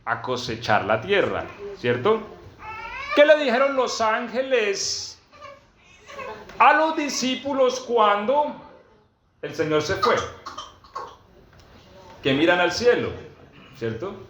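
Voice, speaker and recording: A man preaching a sermon to his congregation, reading scripture slowly and often asking them questions. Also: huge pitch swings, fairly bright tone, slight background noise. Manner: peppers teaching with questions to the congregation; reads scripture aloud slowly and emphatically. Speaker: pastor. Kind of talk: sermon teaching. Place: church gathering with a congregation. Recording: roomy, dull low-fi sound.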